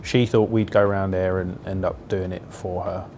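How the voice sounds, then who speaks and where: A man's voice: sits low, little pitch movement, normal speed, darkish tone, a little hiss or hum. A male police officer being interviewed for a documentary, recounting a call in a plain-spoken, reflective way.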